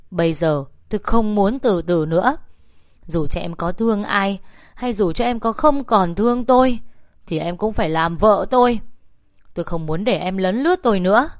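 A woman voicing a stern, jealous young nobleman who speaks in a loud, commanding way. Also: fairly low pitch, no echo, clean studio sound, lightly acted.

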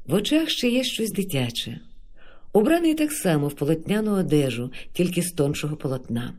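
Male narrator, expressive read-aloud of a play, lilting. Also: fairly high pitch.

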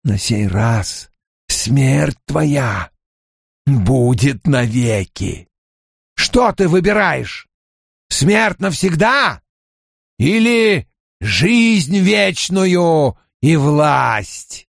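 A male narrator voicing a menacing ancient dark lord who speaks in gravelly, drawn-out, taunting threats. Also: on the high side, very animated, no room sound, studio quality, pitched above the performer's own voice, heavily acted. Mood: mocking. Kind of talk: audiobook character voice.

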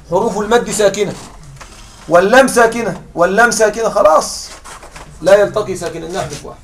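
Man, high voice, grammar teacher, patient explaining, recorded from a distance, faint background hiss. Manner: patient, checks understanding with repeated questions. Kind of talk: classroom lesson.

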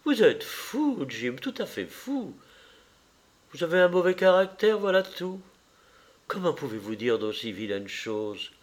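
Homme jouant une jeune femme amoureuse. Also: male voice, on the high side, very animated, measured pace, pitched above the performer's own voice. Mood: scolding. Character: young woman, bright, in love, pleading.

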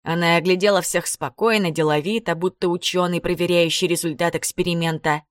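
A woman narrating a novel in a calm, even storytelling manner. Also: on the low side, a little fast, no echo, clean studio sound. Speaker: audiobook reader. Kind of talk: scripted narration.

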